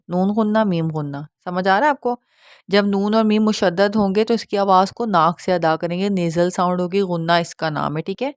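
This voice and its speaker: A woman's voice: mid-range voice, a little mellow, no echo, studio quality. Patient woman teaching nasal recitation. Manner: patient, explains step by step, often asks "theek hai?"; demonstrates nasal sounds slowly. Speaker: Quran tajweed teacher. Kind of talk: online lesson.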